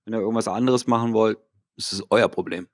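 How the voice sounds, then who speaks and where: A man's voice: lowish voice, fairly even intonation, fast, no echo. Podcast co-host, Berlin man, argues with examples, dry close mic. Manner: argumentative, explains with examples. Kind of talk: casual political discussion.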